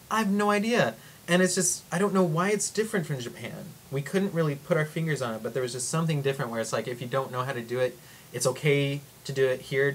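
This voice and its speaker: A young man telling travel stories in a casual vlog, rambling and excitable, full of "like" and acted-out quotes. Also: mid-range voice, slight background noise. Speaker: vlogger.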